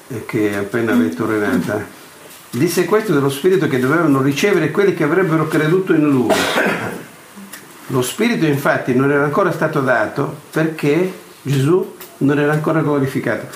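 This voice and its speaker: A man's voice: medium pitch, lively intonation, moderate pace. A man commenting on a Bible passage in a conversational, explanatory way, with some hesitation. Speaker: preacher. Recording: echoey room, faint noise.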